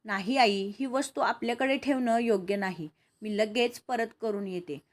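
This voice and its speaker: A woman's voice: on the high side, normal speed, natural voice. Woman voicing a polite, determined young woman. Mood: earnest.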